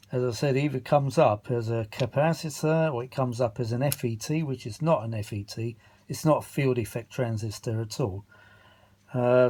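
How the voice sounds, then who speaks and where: A British man with a medium-pitched, darkish voice narrates a repair on his vintage audio vlog, sounding tired. He rambles casually without a script, grumbling, muttering and mildly cursing in exasperation as he looks for his words.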